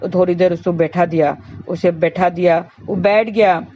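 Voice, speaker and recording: A woman who is an astrologer and storyteller tells a moral story, preachy and repetitive, calling her listeners friends. Her voice is on the low side and dark, steady in tone at a moderate pace, in a slightly dull recording with slight background noise.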